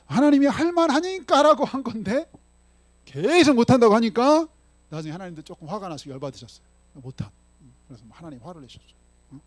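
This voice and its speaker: A male pastor preaching in a chatty way. He acts out dialogue and leads slow unison scripture readings. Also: extremely high pitch, big pitch swings, no room sound. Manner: often ends phrases with a questioning "응?" or "예?". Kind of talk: sermon.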